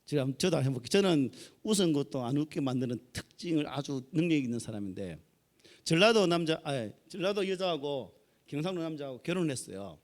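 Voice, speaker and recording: Folksy Gyeongsang pastor, lively pitch. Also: male voice, quick pace. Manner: folksy, joking with the congregation. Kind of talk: sermon.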